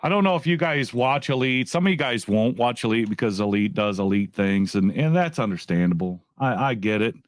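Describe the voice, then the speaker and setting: A man's voice: lowish voice, expressive, a little fast, hardly any pauses, no room sound, studio quality. A man ranting casually to his viewers as a YouTube commentator, profane and repetitive, often restarting his phrases. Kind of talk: casual rant to camera.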